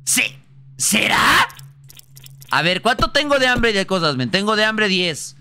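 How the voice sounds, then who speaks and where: A Mexican man doing casual live gameplay commentary, excitable and foul-mouthed, often bursting into shouts. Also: sits high, a little fast, clean tone. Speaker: livestreamer playing a video game. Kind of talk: casual live gameplay commentary, translating on-screen text aloud.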